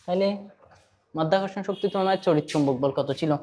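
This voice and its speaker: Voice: mid-range voice, quick pace, a little mellow. Bangladeshi teacher quizzing students aloud. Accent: Bangladeshi Bengali. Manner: conversational, quizzes students, repeats points, mixes in English terms. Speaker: physics teacher. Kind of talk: online class lecture.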